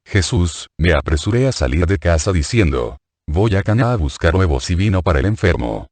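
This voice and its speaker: A grieving older woman pours out anguished, pleading questions, as a male reader takes her part. The voice sits very deep and low. The sound is close and dry, with no room around it. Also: big pitch swings, moderate pace, a little mellow, dry recording, full character voice.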